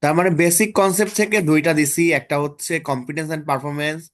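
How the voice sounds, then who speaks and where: A man's voice: a little high, moderate pace, fairly bright tone. Casual man tutoring exam topics. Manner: casual, checks in often with students. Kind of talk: online exam-prep lesson.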